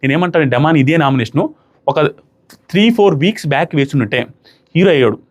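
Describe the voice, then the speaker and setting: Young male reviewer, rapid animated recap voice, slightly high. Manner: fast animated retelling, acting out quotes. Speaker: reality show reviewer. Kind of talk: casual commentary.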